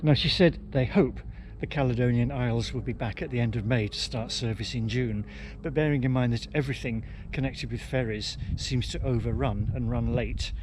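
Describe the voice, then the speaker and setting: A man presents a travel vlog with dry, understated opinions. He talks casually at an average pitch, and noticeable noise, including vehicle sounds, runs behind his voice. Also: normal speed, hardly any pauses. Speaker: vlogger presenting a travel film.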